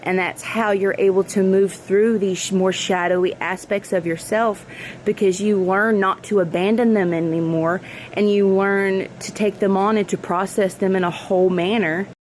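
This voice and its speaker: A woman's voice: mid-range voice, steady tone, normal speed, low-quality recording. Reflective woman rambling over background noise. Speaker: spiritual vlogger. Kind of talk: rambling spiritual monologue.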